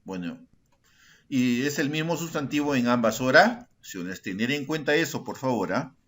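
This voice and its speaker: During a recorded grammar class, a male secondary school teacher talks at normal speed in a medium-pitched, expressive voice with a fairly bright tone. He explains patiently and speaks directly to his students, repeating key words and checking in with many tag questions.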